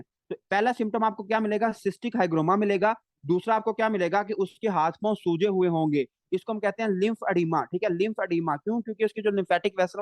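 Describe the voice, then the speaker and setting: A man giving a live medical lecture, asking questions and answering them himself, stretching key English terms slowly. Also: sits high, no echo.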